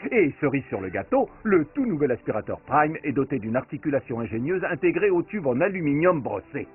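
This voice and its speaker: Lively male infomercial announcer, tinny sound. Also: medium pitch. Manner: emphatic, promotional. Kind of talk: infomercial sales pitch, scripted voice-over. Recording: tinny phone-like band, faint music behind. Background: light background music.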